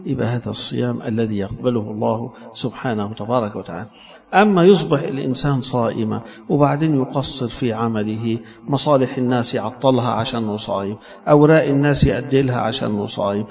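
A man preaching a sermon in an Egyptian Arabic accent, rising to emphatic lines and then dropping to soft low asides. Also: quick pace.

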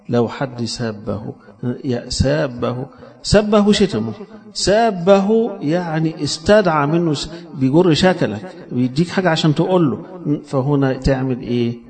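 A man preaching a sermon in an Egyptian Arabic accent, rising to emphatic lines and then dropping to soft low asides. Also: gravelly.

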